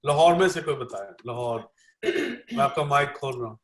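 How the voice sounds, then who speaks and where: A man's voice: medium pitch, big pitch swings, normal speed, fairly bright tone. A man interpreting a classroom lecture live, repeating each line with many fillers. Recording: echoey room.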